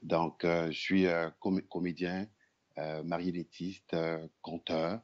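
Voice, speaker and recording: Very deep-voiced hesitant man. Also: flat delivery, slow, darkish tone, muffled recording. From Republic of the Congo. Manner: hesitant, many fillers and restarts. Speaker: guest, actor, puppeteer, storyteller. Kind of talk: interview answers.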